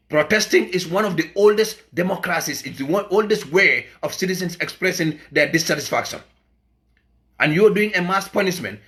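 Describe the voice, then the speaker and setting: A Gambian man, an activist, delivers a fervent political speech in a high, sharp-toned voice. He is emphatic and repetitive and frequently trips over his words.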